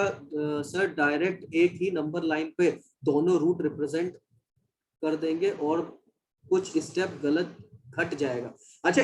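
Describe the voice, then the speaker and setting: A man leads a live online maths class in a slightly high voice. He talks to his students like family, calling them "beta" and "bhai" while he walks through the working. Faint noise sits under the recording. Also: rough recording. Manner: addresses students as beta and bhai, reads chat aloud. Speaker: maths teacher.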